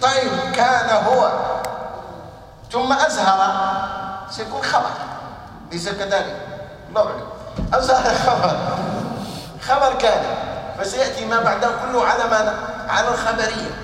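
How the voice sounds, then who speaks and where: A teacher of religious texts gives a classroom lecture, posing questions to the students and then answering them himself. His voice is very high-pitched and a bit bright, at a moderate pace with long pauses. The recording comes from far off in an echoey hall with slight background noise.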